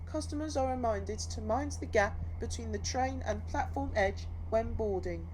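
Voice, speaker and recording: A woman with a fairly high, darkish-toned voice reads scripted train platform announcements formally at a moderate pace, the phrases stitched together. Vehicle ambience and clear background noise surround her.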